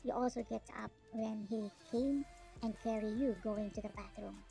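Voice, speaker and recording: A woman tells a fan fiction story in the second person, reading it as a voiceover. Her voice is slightly high, with heavy vocal fry and a husky grain. Soft background music plays quietly. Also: fairly even intonation, normal speed, poor audio. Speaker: narrator.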